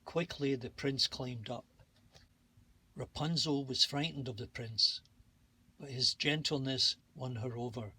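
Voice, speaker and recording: Calm man reading a bedtime story. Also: mid-range voice, slightly rough. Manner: slow, calm and soothing. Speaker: storybook narrator. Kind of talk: bedtime story read-aloud.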